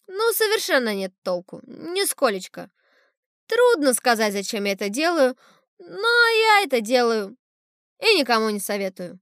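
A woman's voice: fairly high pitch, big pitch swings, normal speed, a bit bright, no room sound, clean studio sound. A woman reading a storybook voices a rambling, wistful old sailor who talks in a confiding way. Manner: rambling, confiding, calls the boy "brother".

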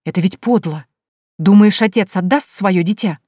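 A woman's voice: medium pitch, moderate pace, darkish tone, no echo, clean studio sound, voice pushed up, close to an everyday voice. A woman voicing a disapproving gray-haired older mother in an audiobook, scolding in a raised, reproachful way.

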